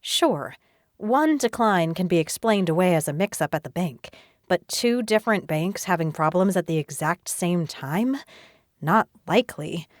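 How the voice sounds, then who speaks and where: Low-voiced woman reading an audiobook. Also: expressive, measured pace, dry recording, clean studio sound. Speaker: audiobook narrator. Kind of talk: scripted first-person audiobook narration.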